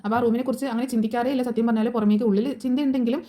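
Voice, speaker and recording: A woman's voice: a little high, fairly even intonation, very fast, warm tone. A woman narrating a casual voice-over recap of a TV serial, chatty and constantly adding little tag words. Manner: chatty, rattles through the plot with frequent tag words.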